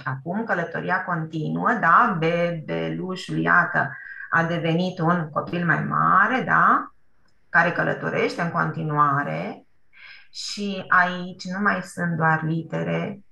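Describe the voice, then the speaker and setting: A bright-toned Romanian woman teaching first-graders over a video call, with a gravelly edge to her voice. She keeps checking that the children follow and praises them often. Her voice sounds echoey, as if she is in a bare room. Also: fairly low pitch, lo-fi sound. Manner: encouraging, asks "da?" often, praises with "bravo". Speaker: primary school teacher. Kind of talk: online class for young children. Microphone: computer mic on a video call.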